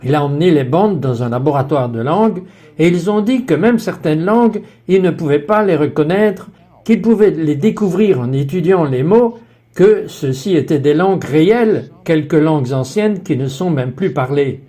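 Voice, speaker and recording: A man giving the French voice-over for a talk show host, speaking in an earnest and measured way. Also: on the high side, animated, warm tone.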